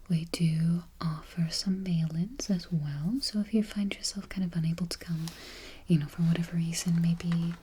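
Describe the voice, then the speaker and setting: A woman whispers softly in a library-whisper role-play as a patient, friendly librarian. Her voice is mellow and breathy, with an unhurried, reassuring way of talking. Clear background noise and keyboard clicks sit behind it. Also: on the low side. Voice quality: whispered, breathy, soft-spoken. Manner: gentle, unhurried, reassuring, with murmured mm-hmms. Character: friendly, patient small-town female librarian registering a patron. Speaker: ASMR performer. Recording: noisy close recording, keyboard clicking.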